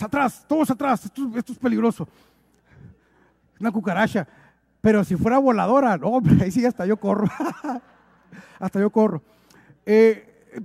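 A man's voice: extremely high pitch, mellow, dry recording, clean studio sound. A male preacher delivering an emphatic, exhorting sermon, lightened with humorous acted asides.

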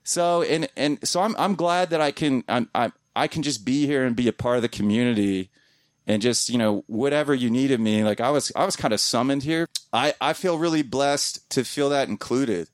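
A man's voice: medium pitch, normal speed, no echo. Rambling, heartfelt man, dry sound. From Columbus, Ohio area. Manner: rambling, restarts often, swears casually. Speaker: podcaster speaking as a guest. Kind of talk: heartfelt casual talk to a community gathering.

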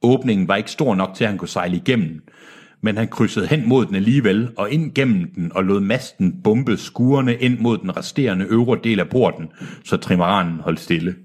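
A man's voice: fairly low pitch, darkish tone, slightly rough. A man co-hosting a comedy podcast, reading a novel aloud and breaking off to mock it and trip over words. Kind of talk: comedic read-along, mocking the text.

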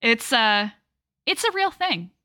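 A woman's voice: fairly high pitch, very animated, slow, sharp tone, no echo. A woman co-hosting a casual film podcast, explaining at length and laughing often. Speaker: podcast co-host.

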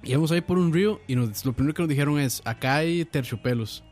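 A man with a Costa Rican accent, a podcast co-host telling a relaxed story in casual chat. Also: on the high side, fast, faint music behind. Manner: relaxed storyteller, sprinkles "mae".

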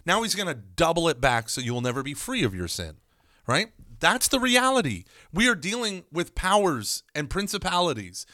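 A man's voice: a little high, moderate pace, no room sound. Guy explaining confession, emphatic and jokey, dry close mic. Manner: animated, emphatic, jokey storytelling. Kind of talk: conversational religious teaching.

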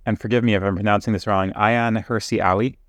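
Man, podcast co-host, casual chat, measured pace with fillers, low voice, dry recording. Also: steady tone, a bit bright, dry recording. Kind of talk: casual conversation.

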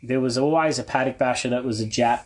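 A man's voice: medium pitch, fast talker. An Australian man, a car enthusiast, talking casually as a guest in an easygoing, rambling, colloquial way. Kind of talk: casual chat about cars.

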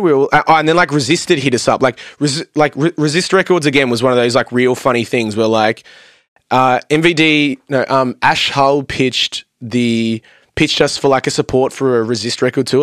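A man's voice: medium pitch, normal speed, no room sound, studio quality. A young man, a podcast guest, telling stories in casual chat, swearing freely and acting out what people said. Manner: animated storytelling, swearing freely, acting out quotes.

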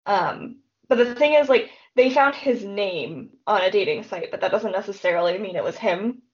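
A woman's voice: mid-range voice, lively intonation, normal speed, dull audio. A woman co-hosting a casual true-crime podcast, retelling the case in a chatty way with lots of fillers. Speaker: podcast co-host.

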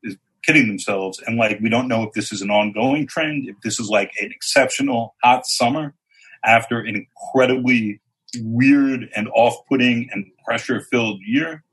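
A man on a discussion panel who explains things in a measured and wry way. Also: mid-range voice, a bit bright, breathy edge, low-quality recording. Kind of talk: casual political discussion.

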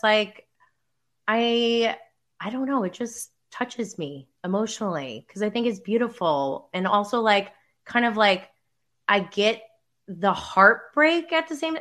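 A young woman chatting in an unhurried, drawn-out way as she recaps a TV show. Her talk is casual and full of fillers, often breaking into laughs or near tears. Her pitch sits in an ordinary middle range. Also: a bit bright. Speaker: podcast co-host recapping reality TV. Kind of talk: casual chat.

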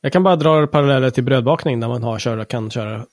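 A man co-hosting a podcast in casual chat, with lively, quick backchannels. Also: mid-range voice, no echo, clean studio sound. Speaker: podcast co-host.

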